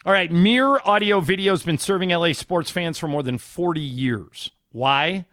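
A man's voice: a little high, normal speed, a bit bright, no room sound, clean studio sound. An American man co-hosting sports radio, conversational whether debating or reading a sponsor spot. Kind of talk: casual sports talk and live ad reading.

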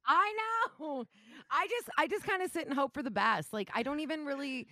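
A woman's voice: high voice, fairly quick, no room sound, clean studio sound. A woman co-hosting a podcast, telling stories in a casual, laughing way. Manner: laughing, animated storytelling. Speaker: podcast co-host. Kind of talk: casual chat.

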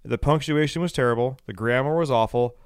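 Podcast host, male, smooth resonant voice, dry close sound, animated ranting delivery. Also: medium pitch, brisk, no echo. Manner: animated, ranting, laughing, acts out quoted exchanges. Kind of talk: casual podcast chat.

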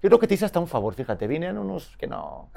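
A man's voice: fairly high pitch, very animated, quick pace, creaky, noisy background. A man with a Madrid Spanish accent hosting a casual chat, joking and playing up his own drama. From Spain. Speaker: host.

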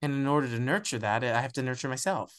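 Young male actor, reflective interview guest, halting and thoughtful, mid-pitched voice. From United States. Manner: reflective, searching for words, frequent restarts. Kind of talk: candid conversational interview.

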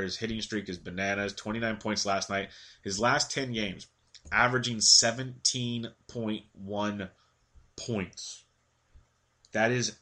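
Man, congested, slightly low voice, casual picks rundown, stat-heavy. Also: bright, forceful tone. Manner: quick stat-heavy delivery, ranting at times. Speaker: fantasy baseball analyst.

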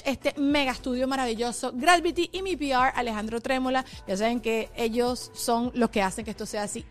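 Bubbly podcast hostess, fairly high. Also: female voice. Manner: bubbly, laughs often. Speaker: podcast host. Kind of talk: casual chat.

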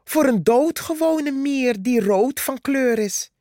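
A woman voicing a small, brave female red ant who answers back proudly, in a slow, gravelly reading. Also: high voice, expressive, mellow, no echo, studio quality, voice pushed up, full character voice. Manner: defiant, proud.

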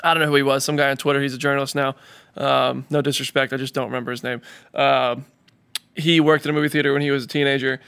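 A man's voice: mid-range voice, level tone, fast, vocal fry, a bit bright, smooth. A man co-hosting a casual chat show, talking animatedly and getting worked up and indignant. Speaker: podcast co-host. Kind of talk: casual chat, raves and rants.

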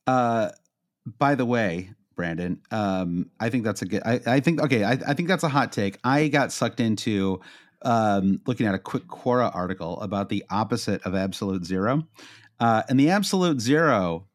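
A man's voice: fairly low pitch, lively intonation, normal speed. Rambling Midwestern man co-hosting a podcast. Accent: American Midwestern. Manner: rambling and jokey, with many fillers and restarts. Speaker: podcast co-host. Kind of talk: casual football podcast chat.

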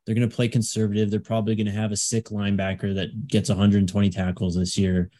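A man's voice: on the low side, monotone, fast talker, warm tone. A man giving casual sports analysis as a podcast panelist.

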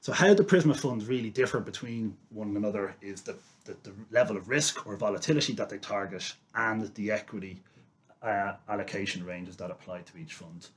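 A man giving measured, formal explanations as an investment expert on a finance podcast. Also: lowish voice.

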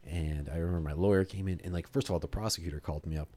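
A young man casually telling a story on a podcast, animated and swearing freely, acting out the voices of people he quotes. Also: deep voice, racing, breathy edge.

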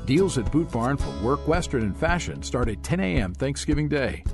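A man's voice: medium pitch, sing-song, moderate pace. A man announcing a holiday sale ad as a scripted commercial read. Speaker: advertising announcer. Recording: music behind the voice. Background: prominent guitar music.

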